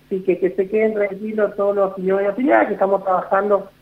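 A man's voice: sits high, level tone, fast talker. A man with an Argentine Spanish accent, an executive director speaking as a guest in a radio phone interview, reassuring and repetitive with many fillers. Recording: tinny phone line.

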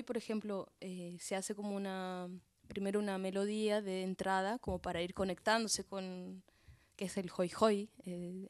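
An Argentine woman, a folk singer guest on radio, explaining a song tradition in a hesitant way, often pausing to search for words. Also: medium pitch, a little mellow, dry recording, studio quality.

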